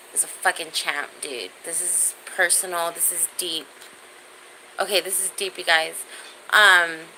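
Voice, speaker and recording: With a lowish, pushed and bright voice, a woman in her thirties talks casually to her livestream audience, going through their comments and using slang and profanity freely. The audio is poor, carrying faint background noise.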